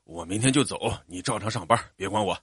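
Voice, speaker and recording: Guy reading as a stubborn old dad, lower gruff voice, short insistent lines, dry sound. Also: a little fast, no echo. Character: elderly rural father, stubborn and caring.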